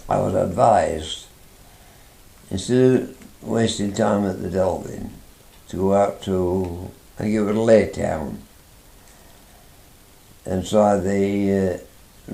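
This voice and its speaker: Slow, gravelly older Englishman reminiscing. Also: deep voice, warm tone, echoey room. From England. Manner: rambling, chatty, with frequent restarts. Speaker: interviewee, father recalling his youth. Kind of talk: anecdotal storytelling.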